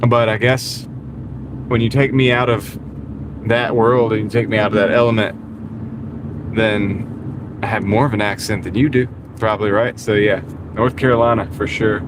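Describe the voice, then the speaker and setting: A lowish male voice, level in tone and moderate in pace, with long pauses. He's livestreaming from inside his car while doing deliveries on the road, casually greeting viewers and chuckling often. A small wireless clip-on mic captures him over background road noise.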